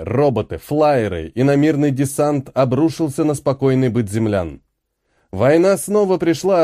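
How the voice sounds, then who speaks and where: A man narrating a fantasy audiobook in an expressive, dramatic manner. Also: mid-range voice, no echo, clean studio sound.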